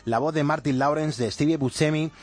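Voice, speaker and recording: A man's voice: a little high, a little fast. A man hosting a casual radio interview, eager and full of approving murmurs. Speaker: radio host. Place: radio studio.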